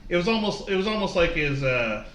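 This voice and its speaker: A man's voice: high voice, expressive, a little fast, fairly bright tone. Man joking in roomy podcast chat. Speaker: podcast co-host. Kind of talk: casual chat. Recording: roomy, faint noise.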